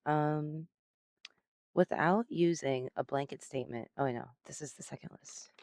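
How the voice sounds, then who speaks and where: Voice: mid-range voice, moderate pace, darkish tone, no echo, clean studio sound. A person interviewing an AI in a casual, rambling way, often laughing and swearing. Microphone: close personal mic at home.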